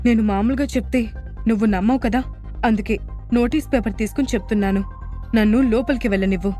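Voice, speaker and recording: A woman voicing a determined young mother in an audio drama, speaking in a hurried, pleading way. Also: fairly high pitch, mellow, faint music behind, close to an everyday voice.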